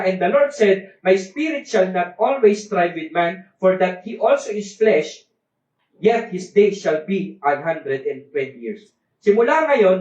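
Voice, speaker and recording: A Filipino man preaches to a congregation, reading scripture aloud and joking with the room. His voice sits high. The recording is echoey and dull, caught from a distance. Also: darkish tone. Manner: switches between Tagalog and English, jokes with congregation, reads scripture aloud. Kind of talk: sermon. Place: church service.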